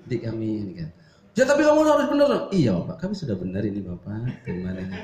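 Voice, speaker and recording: A man voicing a meek male customer service agent who soothes an angry caller in a soft, deferential way, recorded in a roomy hall. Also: low-pitched, racing, pitched below the performer's own voice, natural voice. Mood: placating.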